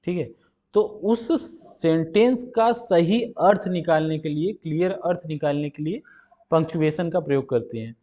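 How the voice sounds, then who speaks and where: Man, trade-school teacher, quiz walkthrough, slightly high voice, reads english slowly, rhetorical questions. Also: mellow. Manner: asks rhetorical questions and answers them; reads English aloud slowly, then explains in Hindi. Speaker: ITI teacher. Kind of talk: explaining exam questions.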